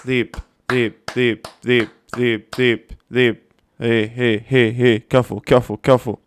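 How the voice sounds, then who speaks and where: A man's voice: medium pitch, level tone, normal speed, dry recording. A man reacting live to a football match, anxious and pleading, repeating the same phrases again and again.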